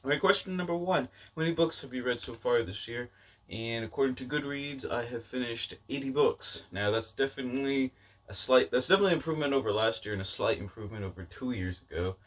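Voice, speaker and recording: A book vlogger with a medium-pitched voice talks quickly, recorded on a distant mic. His review is casual and rambling, delivered informally and with self-deprecation.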